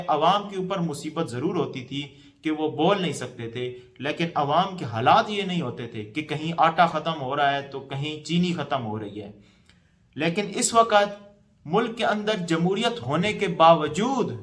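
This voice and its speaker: A man's voice: on the high side, a bit bright. Man talking politics in loose commentary. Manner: talks in loose run-on sentences with hesitations. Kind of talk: casual spoken commentary.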